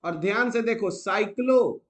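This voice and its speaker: A man teaching chemistry step by step, often stopping to check that students follow. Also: sits high. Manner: asks students frequent check questions; slows down to spell out names.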